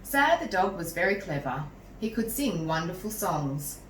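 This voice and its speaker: A teacher with a fairly low voice reads a picture book aloud to young children, measured and animated, stopping now and then to chat with them. The recording has a roomy echo, a distant mic and some noise.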